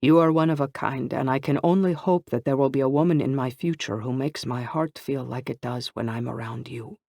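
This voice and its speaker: A man reading an earnest, gentle young man. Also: mid-range voice, creaky, no room sound, studio quality, lightly acted. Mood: tender. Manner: soft-spoken and slow. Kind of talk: audiobook character voice.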